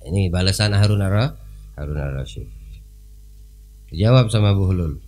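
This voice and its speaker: A man giving an informal sermon, telling a story in a lively conversational way. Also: low voice, normal speed, soft background music. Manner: lively, conversational, with sudden rises. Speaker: preacher.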